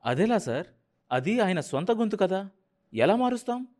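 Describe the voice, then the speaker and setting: A man's voice: high-pitched, very animated, moderate pace, darkish tone, pitched above the performer's own voice. A man doing a nervous, pleading news editor. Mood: anxious. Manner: anxious, pleading. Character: nervous young male news desk editor.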